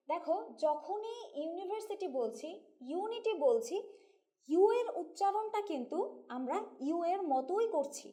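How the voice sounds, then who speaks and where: A woman with a Bangladeshi Bengali accent teaches an English grammar lesson. Her voice sits high yet sounds soft and mellow, and she works through each rule patiently, putting questions to her students as she goes. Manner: patient, explains step by step and asks students questions. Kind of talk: classroom-style grammar lesson.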